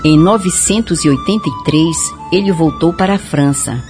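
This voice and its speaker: A woman playing a kindly old grandmother who tells scripted stories to children, with drawn-out singsong phrase endings. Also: sits low, music in the background, natural voice. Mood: storytelling.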